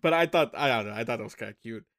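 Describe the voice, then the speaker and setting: A man's voice: mid-range voice, very fast, fairly bright tone. A man co-hosting a podcast, recapping a film in casual chat, rambling and correcting himself as he goes, often laughing. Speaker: podcast co-host. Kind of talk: casual movie review chat.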